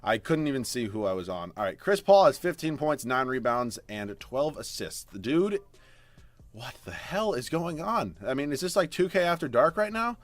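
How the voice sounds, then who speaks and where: A young man talks through his basketball video game in a casual, chatty way at a middle pitch. His voice jumps between quiet grumbles and loud shocked outbursts, and he often swears. The sound is dry and close, with no room around it. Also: fairly quick, few pauses, no echo. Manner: excitable, swings from mutters to loud outbursts, swears. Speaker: gaming streamer. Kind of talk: casual gameplay commentary.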